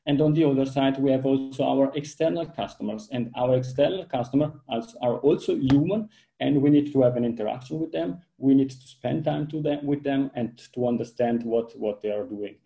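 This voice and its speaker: Calling in from his home office, this Italian-accented interview guest is a thirties-aged man from Ticino, southern Switzerland. His warm, creaky, mid-range voice moves a little fast through casual, earnest talk full of fillers and restarts.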